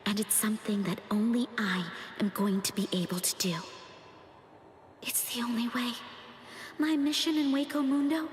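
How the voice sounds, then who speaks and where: Casting: soft earnest anime game heroine, slightly high voice, inner thoughts in long reverb. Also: female voice, brisk, few pauses. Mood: quiet resolve. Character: gentle, quietly resolute teenage girl. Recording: echoing long reverb, faint noise.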